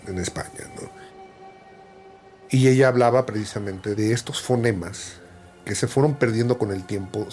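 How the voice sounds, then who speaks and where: A man's voice: on the low side, a little mellow. A man with a Mexican accent talking in a casual monologue, musing and restarting phrases as he goes. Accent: Mexican Spanish.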